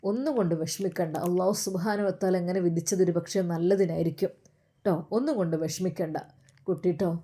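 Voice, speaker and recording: Calm kindly religious teacher in a story, a woman doing him, mellow and soft. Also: fairly low pitch, fast talker, close to an everyday voice. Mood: reassuring. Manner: gentle, reassuring. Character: kind male religious teacher, calm and consoling.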